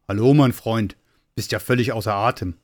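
A man doing a calm, wise old polar bear. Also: lowish voice, close to an everyday voice. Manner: slow, calm and grumbling.

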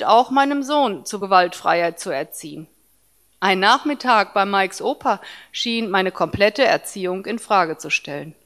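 A woman reads a first-person story aloud, narrating calmly and evenly. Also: mid-range voice.

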